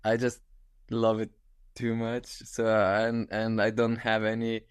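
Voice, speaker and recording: Guest: Lithuanian-accented man, 30s, halting and restarting, clear, dry video-call sound. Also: lowish voice, completely flat delivery, no echo. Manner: halting, restarts often, laughs easily. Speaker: guest, ultra-distance cyclist. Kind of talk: casual interview on video call. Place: small room at home, indoors.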